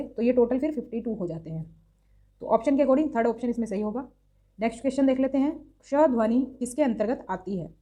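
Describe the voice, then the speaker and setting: A woman's voice: fairly high pitch, dark tone. A young woman teaching an exam-prep grammar lesson, explaining step by step and sounding out letters aloud. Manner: explanatory, repeats sounds aloud, mixes in English terms.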